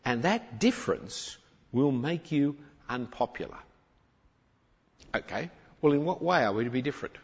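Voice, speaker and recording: A man preaches with a husky, fairly high voice that swoops up and down as he presses his points. He moves between loud emphasis and quieter asides. The recording is muffled and rings with the long echo of a big hall. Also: lively intonation, normal speed, pauses often. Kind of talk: sermon.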